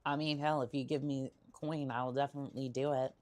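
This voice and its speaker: A woman's voice: extremely low pitch, flat delivery, a little fast, a little mellow. A woman livestreaming a video game, chatting casually with playful teasing and hesitant musing aloud. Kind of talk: casual chat over gameplay with in-character asides.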